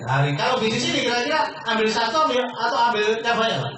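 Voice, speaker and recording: Persuasive high-voiced man in echoey hall. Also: big pitch swings, fast, far from the mic, noisy background. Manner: persuasive, keeps addressing listeners as sir and quizzing them. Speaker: business opportunity presenter. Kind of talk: sales seminar pitch to an audience.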